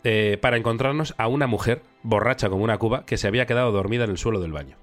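Podcast guy, lowish voice, acts out bits in his stories, faint music underneath. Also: racing. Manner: animated storyteller, acts out voices. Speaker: podcast co-host. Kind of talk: casual chat.

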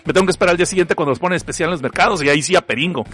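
Somewhat high, a bit bright and husky, this voice goes very fast. The speaker is a Mexicali livestream host with a northern Mexican accent who has a cough and reads out chat in a laugh-filled, joking, slangy style.

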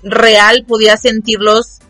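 A young woman with a Mexican Spanish accent, casually telling a lively story, acting out voices and laughing often. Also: fairly high pitch, takes it slowly, no echo, faint music behind. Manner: animated, acts out quoted voices, laughs often.

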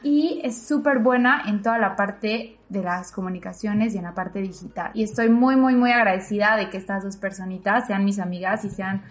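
A woman's voice: medium pitch, normal speed, hardly any pauses, reverberant. A young woman, co-hosting a podcast in an earnest, gushing way and often repeating her words. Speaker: podcast co-host. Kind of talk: casual chat.

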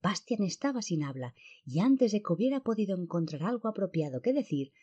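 A woman reading a fantasy novel aloud, with expressive storytelling narration. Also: medium pitch, brisk, breathy edge. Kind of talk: audiobook narration. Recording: dull lo-fi.

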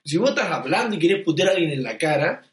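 A man's voice: fairly high pitch, very animated, quick pace. A young man with an Argentine accent in a casual podcast chat, reflecting and building his arguments step by step. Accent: Argentine Spanish. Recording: echoey room.

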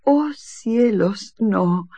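A storyteller voicing a young lovesick lady trapped in a tower, speaking in a high, pleading, tearful tone. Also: expressive, drawn-out words, warm tone, husky, no echo, full character voice. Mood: distressed.

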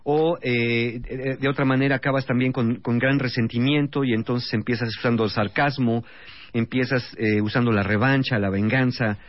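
A man's voice: medium pitch, fairly even intonation, moderate pace, no echo. A man with a Mexican accent, a guest expert on a radio talk show, explaining step by step with lists of examples. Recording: dry, dull radio studio sound.

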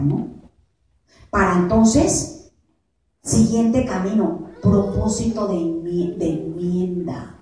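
A woman with a Mexican accent, a lay preacher giving an animated, joking retreat talk and telling stories straight to her audience. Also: on the high side. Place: large hall at a church center. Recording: echoey hall from far off.

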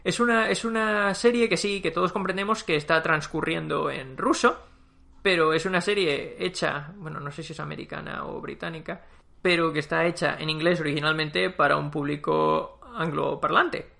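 A man reviews a TV series in a loose, chatty way and leans into sarcasm. His voice sits fairly high with a gravelly texture and a bright, forceful tone. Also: moderate pace. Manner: lively, sarcastic, chatty with fillers. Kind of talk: casual spoken review.

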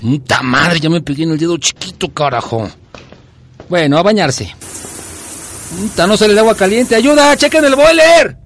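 A man's voice: a little high, expressive, normal speed, long pauses, a bit bright, soft background music. A man with a Mexican accent playing a grumpy, foul-mouthed radio boss in a comic audio drama, curt and irritable. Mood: exasperated.

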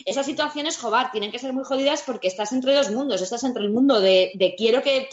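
A woman talks through a casual chat with an expressive, dramatic delivery and frequent swearing. Her voice sits a little high. The room is echoey and the sound slightly dull. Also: a little fast.

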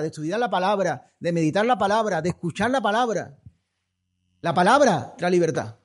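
A pastor preaching a sermon, repeating key phrases and swinging between hushed and loud passages. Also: male voice, on the high side. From Spain. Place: church.

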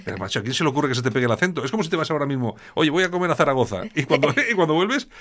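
A man's voice: fairly high pitch, sing-song, racing, fairly bright tone. A man hosting a morning radio show, joking and laughing often in casual banter.

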